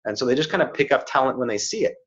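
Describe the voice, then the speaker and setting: Racing along with lively intonation, this middle-aged career coach offers earnest advice in casual conversation, peppered with "right?" and "you know". The voice is mid-range, a bit bright with a breathy edge, and the audio sounds slightly dull and muffled.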